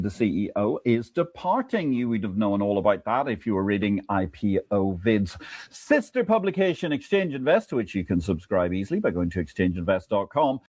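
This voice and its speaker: A man hosting a finance livestream, delivering opinionated market commentary and interviewing a guest in an emphatic, wry manner. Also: no echo. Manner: animated, emphatic delivery with wide pitch swings. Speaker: livestream host. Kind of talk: finance show monologue and interview.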